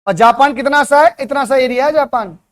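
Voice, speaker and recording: A man's voice: extremely high pitch, fairly quick. A man teaching at a coaching center, giving a motivational classroom talk and throwing rhetorical questions at his students.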